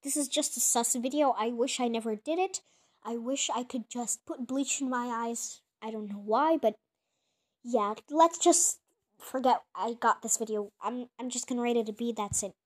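A female creator reacts to her own old clips in casual, chatty talk, poking fun at herself. Her voice is on the high side and she speaks at a normal speed.

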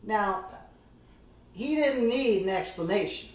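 Indignant and animated, a man with a high voice performs a stage monologue as an impassioned, earnest middle-aged defence lawyer delivering a courtroom summation. As an amateur actor, he uses deliberate pacing, dramatic pauses, and emphatic oratory. The distant microphone leaves a roomy echo.

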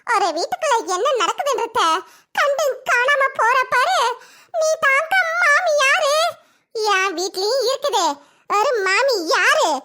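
A woman's voice: very high voice, lively intonation, slow, bright, forceful tone, heavily acted. A woman voicing a gossipy neighbor who mocks and complains about her own mother-in-law in a cartoon comedy. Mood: complaining. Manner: mocking, complaining.

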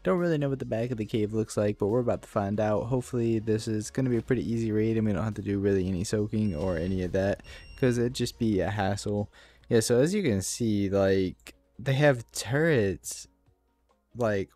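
A man talks through a game raid in a relaxed, rambling way, full of fillers and restarts. His voice sits low and mellow. The recording is dry and close, with no room sound. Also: moderate pace, no room sound. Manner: laid-back, rambling with many fillers. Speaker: gaming YouTuber. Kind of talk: casual gameplay commentary.

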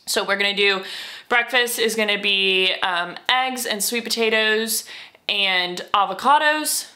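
A woman's voice: medium pitch, measured pace, pushed and bright. A young American woman in her twenties, chatting casually to the camera in her apartment with an upbeat manner and many fillers. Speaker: vlogger. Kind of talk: casual vlog talk to camera. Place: small apartment, indoors. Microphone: camera or phone mic at close range.

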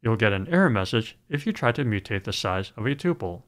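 Lively-pitched man narrating a coding lesson. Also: fairly quick, over loud music. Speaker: programming tutorial narrator. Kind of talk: scripted screencast narration.

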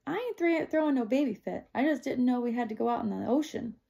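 A stubborn young country boy with a hot temper talks back in rough, ungrammatical speech, as a woman reads him aloud. His voice sits higher and louder than the reader's own, with a gravelly grain. It is a storybook voice. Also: lively intonation, fast, lo-fi sound. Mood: defiant. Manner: defiant, drawling bad grammar.

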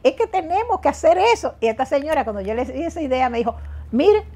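Older woman talking with lively emphasis. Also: high-pitched, fast, a little hiss or hum. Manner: lively, emphatic, frequent hesitations and repeats. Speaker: guest. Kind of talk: casual interview talk. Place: TV studio set.

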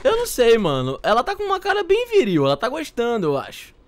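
A young man hosting a gaming channel, chatting excitedly and joking with his co-player during gameplay. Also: very high-pitched, fast. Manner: animated, exclaiming, joking with co-player.

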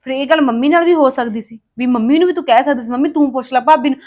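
An actress playing a stern sister-in-law who lectures a younger girl with sharp retorts. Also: sits high, rapid-fire, natural voice. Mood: scolding.

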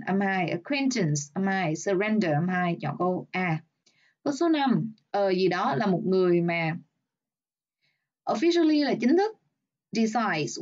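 A woman with a Vietnamese accent, teaching an English exam review lesson, explaining step by step and reading English examples slowly. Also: mid-range voice, a little mellow, highs cut off.

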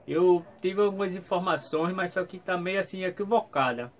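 A man's voice: high-pitched, moderate pace. A man gives a casual vlog update in a hesitant, repetitive way, often checking in with his viewers. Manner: hesitant, repeats himself, frequent checking tags. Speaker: YouTube channel host. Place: small room at home, indoors. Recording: clear background noise, room ambience.

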